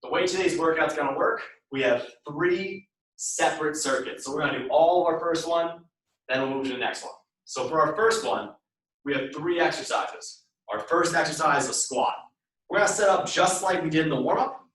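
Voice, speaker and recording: In a slightly high, fairly bright voice, a male instructor talks his class through a workout at normal speed, repeating short cues and counting down reps. Echo fills the room and he's far from the microphone.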